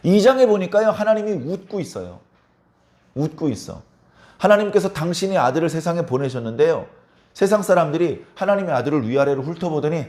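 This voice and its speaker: Middle-aged male pastor, emphatic preacher with a raised voice and a lively, swooping delivery that keeps prodding the flock with questions. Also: on the high side. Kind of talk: sermon.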